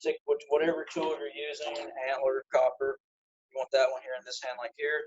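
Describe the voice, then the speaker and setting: A man's voice: medium pitch, little pitch movement, brisk, slight background noise. A man teaching flintknapping step by step, demonstrating with his hands as he explains. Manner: practical, demonstrating with hands as he talks. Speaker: flintknapping instructor. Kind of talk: live demonstration over a video call. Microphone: phone. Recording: lo-fi phone audio.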